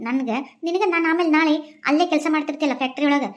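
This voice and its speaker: A woman's voice: high voice, very fast, close to an everyday voice. A woman voicing a selfish young wife in a cartoon, cold and contemptuous, with a North Karnataka accent. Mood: scornful. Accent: North Karnataka Kannada. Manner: contemptuous, dismissive.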